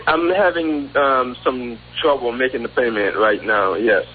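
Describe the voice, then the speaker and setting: Muffled, underwater-sounding male caller on headset. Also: mid-range voice. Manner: halting, hard to understand. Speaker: radio call-in caller. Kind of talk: hesitant question to a radio host. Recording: muffled underwater phone or headset mic, noisy.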